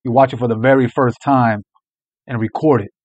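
A man's voice: mid-range voice, fairly even intonation, fairly quick, a little mellow, slightly rough, no room sound, lo-fi sound. A young man giving casual, blunt and profane reaction commentary as a video host. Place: small room indoors.

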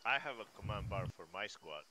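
A man's voice: fairly low pitch, animated, a little fast, background noise. A man making dry remarks and swearing a little while playing a co-op military game. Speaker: player. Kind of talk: casual game chat.

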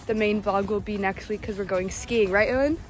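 Holding her phone camera, a young woman narrates a cheerful, casual vlog both outside and in a ski lodge. She speaks at medium pitch, a little fast, with fairly even intonation.

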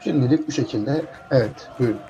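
A man's voice: mid-range voice, fairly quick, warm tone, some chatter behind, slight background noise, poor audio. A man commentating as the analyst beside the caller, speaking casually with hesitant fillers. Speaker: color commentator. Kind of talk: match analysis.

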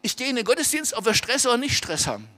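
A male pastor delivering a church sermon with a high-set voice. His tone is bright and forceful as he preaches with emphasis and keeps turning to the congregation with direct questions. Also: quick pace. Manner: lively, emphatic preaching that often turns to the audience with direct questions. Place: church service in a meeting centre.

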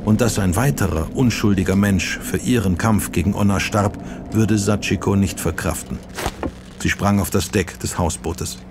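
A man narrating an audiobook in a measured, dramatic reading. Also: lowish voice, noisy background. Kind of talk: scripted narration.

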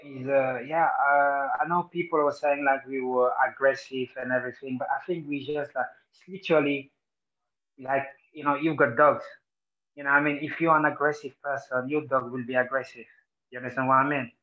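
A former footballer from Senegal talks through his career in a relaxed interview, his pitch staying fairly level. He fills his sentences with "literally" and "you know" as he goes. The recording sounds a little dull and lo-fi. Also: fairly quick. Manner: animated when quoting, repeats "literally" and "you know". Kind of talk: casual interview chat.

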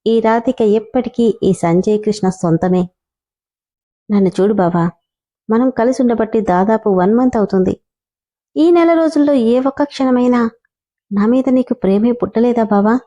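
A woman's voice: a little high, moderate pace, pauses often, dark tone, natural voice. A woman voicing a playful, affectionate young wife who coaxes and pleads with her husband. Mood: coaxing. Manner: coaxing, pleading.

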